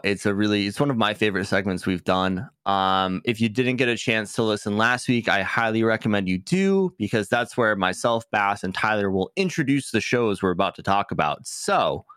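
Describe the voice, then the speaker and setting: A man with a fairly low voice, recorded very dry, co-hosts a casual podcast. He talks in slang and swears freely like an avid fan. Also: a bit bright, clear, resonant tone, no room sound. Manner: slangy, profane, filler-heavy fan talk. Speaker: podcast co-host.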